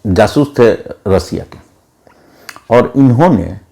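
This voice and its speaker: A man's voice: medium pitch, animated, slow, creaky, mellow. A man giving an opinionated monologue as a political commentator, emphatic and lecturing, repeating words for stress.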